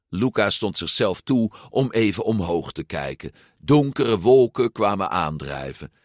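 A man narrating a children's storybook in a lowish voice that ranges widely in pitch, expressive as he acts out each figure. The sound is dry and close, with no room around it. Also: no room sound. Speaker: audiobook narrator.

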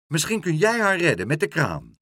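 A man voicing a frantic male seagull with a wooden leg, shouting shrilly in a children's story. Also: on the high side, very animated, slow pace, husky, dry recording, studio quality, voice pushed up, full character voice. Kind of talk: storybook reading.

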